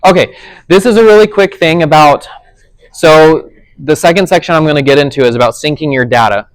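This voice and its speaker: A man's voice: fairly high pitch, a little fast, dry recording, rough recording. A man teaching a casual tech class, explaining things conversationally and often checking whether his listeners follow. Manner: conversational, checks understanding with frequent "does that make sense".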